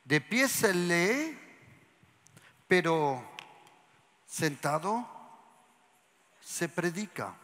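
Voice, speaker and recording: A pastor preaching to his congregation, moving hushed whispers to shouts and asking the crowd questions. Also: sits high, very animated, very slow, pauses often. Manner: asks the congregation questions and has them repeat lines. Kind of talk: lively sermon to a congregation. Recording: church hall with long reverb.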